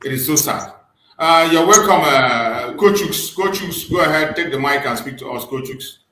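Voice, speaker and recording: Male Nigerian live-stream host, fairly high voice, emphatic and repetitive, roomy echo. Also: lively intonation, moderate pace, sharp tone, a little hiss or hum. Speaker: host of a live online political discussion. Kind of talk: live call-in commentary. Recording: roomy, echoing online stream.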